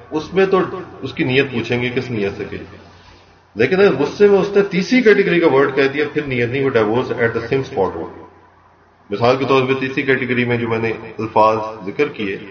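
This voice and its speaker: A man calmly teaching a religious law lesson, explaining step by step and repeating key points. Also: medium pitch. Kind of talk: explanatory lecture mixing Urdu and English terms. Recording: echoey, distant, dull lo-fi room recording.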